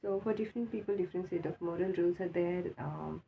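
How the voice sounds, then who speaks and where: A woman with an Indian accent, just awake and with a swollen mouth, gives a casual, halting opinion monologue off the cuff, repeating herself for emphasis. Her voice is fairly low with vocal fry, and the sound is tinny and phone-like with faint noise.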